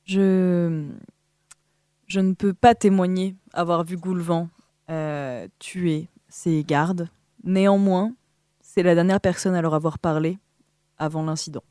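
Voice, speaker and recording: Woman playing a mellow, guarded witness. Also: fairly low pitch, steady tone, takes it slowly, clear, resonant tone, no room sound, studio quality. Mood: guarded, defensive. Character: wary tavern-goer testifying in their own defence.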